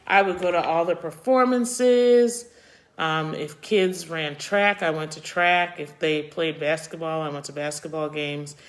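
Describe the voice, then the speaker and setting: A woman's voice: low voice, fairly even intonation, unhurried. A middle-aged woman hosts a casual live chat, talking straight to her viewers. She speaks her mind bluntly and turns tender and emotional, getting choked up as she talks. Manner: opinionated, reacting to viewer comments. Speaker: host of a live chat show.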